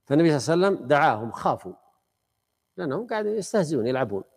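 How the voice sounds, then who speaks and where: A man's voice: fairly high pitch, sing-song, very fast, vocal fry, husky. A man teaching a study circle, explaining a classical text conversationally and quizzing his students.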